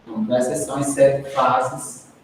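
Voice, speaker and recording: A man's voice: mid-range voice, flat delivery, a little slow, slight background noise. A Brazilian man teaching a training session, questioning the group and often adding a tag question. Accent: Brazilian Portuguese. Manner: adds "né?" often, prompts the group to answer. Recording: echoey classroom, recorded from a distance.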